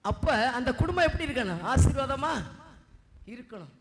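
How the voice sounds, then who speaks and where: Woman, preacher, scolding sermon, rhetorical questions, very high voice, long hall echo. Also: lively intonation, normal speed, heavy background noise. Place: church hall.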